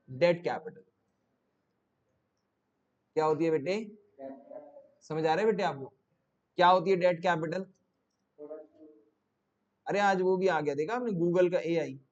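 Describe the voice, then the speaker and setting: High-voiced male commerce teacher quizzing students. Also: dull audio. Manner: repeats questions to students, coaxing. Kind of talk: classroom lecture.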